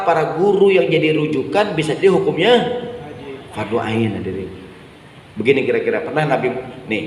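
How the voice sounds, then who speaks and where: Echoing preacher in a mosque. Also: male voice, a little high. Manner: conversational, often addresses the congregation and asks "right or not?". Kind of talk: evening mosque sermon. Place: mosque hall. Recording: very echoey mosque hall with long reverb and faint noise.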